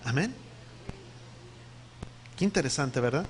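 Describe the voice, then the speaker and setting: A man's voice: mid-range voice, animated, slow pace, slight background noise. A man preaching a sermon, teaching emphatically, putting questions to his listeners and spelling out words letter by letter.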